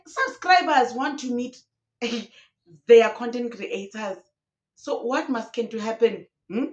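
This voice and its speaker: Alone in a reverberant room, a young South African YouTuber vents with passion in her casual commentary, peppering it with local slang. Her voice is on the high side, and the audio has its highs cut off.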